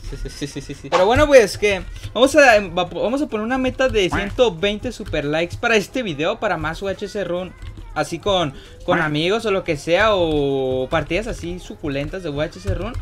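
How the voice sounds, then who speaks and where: Chatty young man with a higher voice. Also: lively intonation, moderate pace. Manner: chatty, swears freely, laughs often. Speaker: gaming YouTuber host. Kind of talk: casual gaming commentary.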